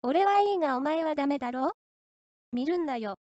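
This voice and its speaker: A woman voicing a creepy, unsettling man who talks to himself, rough and menacing in tone. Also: sits high, animated, a little fast, darkish tone, no echo, lo-fi sound. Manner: rough, menacing, then suddenly polite.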